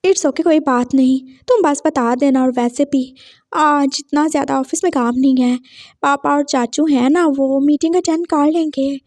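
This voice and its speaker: A woman voicing a calm, caring young man who speaks reassuringly in a story reading. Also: high voice, moderate pace, no echo.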